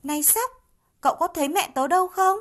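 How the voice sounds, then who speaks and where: High squeaky little monkey kid, a lady putting it on, loud and anxious, storybook. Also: brisk. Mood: asking. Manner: high, loud childlike calling. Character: small young monkey child, anxious and loving.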